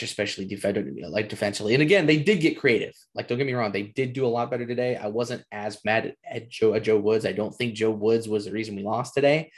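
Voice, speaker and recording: A man hosting a casual sports podcast, talking in a frustrated, rambling way with frequent restarts. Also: fairly low pitch. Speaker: podcast host.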